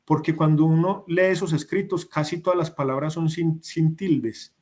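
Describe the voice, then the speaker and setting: A man's voice: on the high side, a little mellow. A man, teaching an online class. He explains patiently and goes over each rule again with examples. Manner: explanatory, repeats points with examples. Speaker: instructor.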